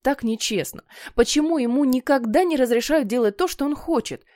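A woman narrating a children's story in a lively, playful way. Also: high voice, fairly quick, no echo, studio quality. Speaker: audiobook reader.

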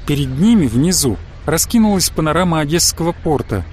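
A man reading a novel aloud as a narrator, in a steady storytelling manner. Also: a little high, fairly quick, slight background noise. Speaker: audiobook narrator. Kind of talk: scripted narration.

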